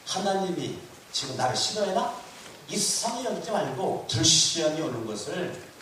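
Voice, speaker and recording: A man's voice: a little high, a little hiss or hum. A man pastor preaching a sermon with emphatic repetition and rhetorical questions thrown to the congregation. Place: church hall. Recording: echoey hall recorded from a distance.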